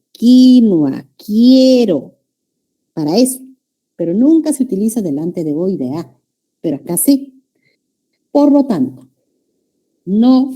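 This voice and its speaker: Woman teacher going over spelling rules, very warm low tone, lots of rise and fall. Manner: addresses students as "jóvenes", checks understanding with "¿ya?". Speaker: language teacher. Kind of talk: classroom lecture.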